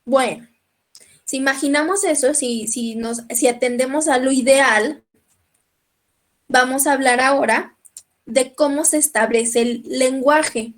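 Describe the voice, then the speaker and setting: A woman with a Mexican accent lectures a class, checking in with her listeners often and clearing her throat now and then. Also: high-pitched, fairly even intonation, measured pace. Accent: Mexican Spanish. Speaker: teacher.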